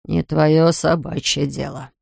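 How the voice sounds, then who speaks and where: A woman voicing a stubborn sixty-one-year-old father in an audiobook, grumbling slowly. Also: low voice, fairly even intonation, vocal fry, darkish tone, slightly rough, no echo, clean studio sound, full character voice. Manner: slow, grumbling.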